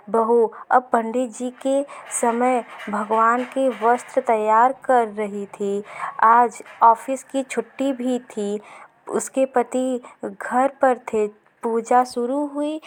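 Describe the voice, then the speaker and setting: A woman narrating a family story in a measured storytelling manner. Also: fairly high pitch.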